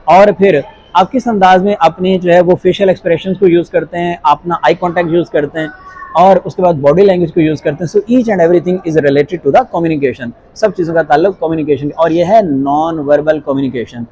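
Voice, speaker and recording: A man's voice: high-pitched, a little mellow, poor audio. A man with a Punjabi-influenced Urdu accent teaching an English grammar lesson, mixing in English phrases and asking rhetorical questions.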